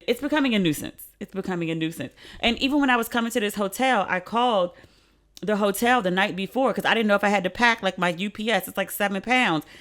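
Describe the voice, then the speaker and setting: A woman's voice: medium pitch, quick pace, a bit bright. A tipsy woman hosting a podcast, talking casually and unscripted in salty, slangy language with repeats for emphasis. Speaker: podcast host. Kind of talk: casual chat, unscripted monologue.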